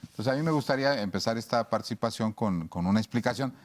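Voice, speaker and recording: A man's voice: lowish voice, fast talker. A man with a Mexican accent hosting a radio talk show, explaining things at length with homely examples and lots of fillers and restarts. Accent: Mexican Spanish.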